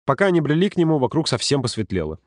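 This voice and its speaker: A man narrating a story in a calm, steady audiobook reading. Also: a little high, very fast, no echo, clean studio sound. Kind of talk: scripted narration.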